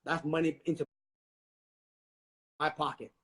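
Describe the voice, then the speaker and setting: High-voiced man giving an emphatic pep talk. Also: flat delivery, measured pace. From Vietnam. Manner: emphatic and preachy, addresses listeners directly. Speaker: guest, real estate investor. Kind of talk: motivational interview talk.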